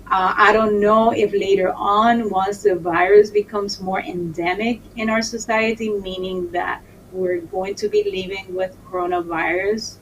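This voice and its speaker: A woman from Colombia, answering interview questions as a doctor, halting with many fillers and restarts. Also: medium pitch, creaky, muffled recording. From Caribbean Colombia. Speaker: infectious disease doctor, guest. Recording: distant mic with faint noise.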